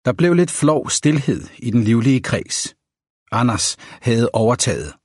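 A man reading a novel aloud as an audiobook narrator, in a measured, even storytelling manner. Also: medium pitch, slightly rough, no room sound, clean studio sound.

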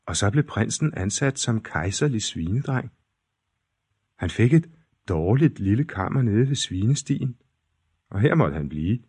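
A low, husky male voice reading a fairy tale, with a lively, wide-ranging delivery. The sound is dry and close, with no room echo. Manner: expressive, varied storytelling. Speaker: storyteller.

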